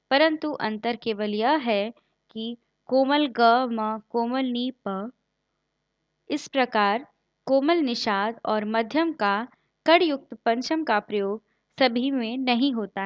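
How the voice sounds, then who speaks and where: A woman giving a formal lesson on a classical raga, explaining in measured terms and reciting note names in a steady, deliberate way. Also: on the high side, no echo. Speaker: music teacher. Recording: dull, dry lo-fi recording.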